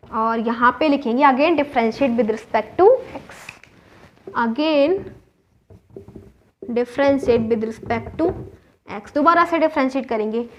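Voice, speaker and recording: Woman, Indian accent, high voice, step-by-step maths lesson, dull lo-fi sound. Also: extremely slow, long pauses, slight background noise. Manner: explains step by step, asks and answers her own questions. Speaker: maths teacher. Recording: dull lo-fi recording.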